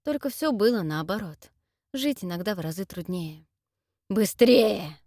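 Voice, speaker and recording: A woman reading a fantasy audiobook in measured scripted narration. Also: fairly low pitch, lively intonation, darkish tone, dry recording, clean studio sound.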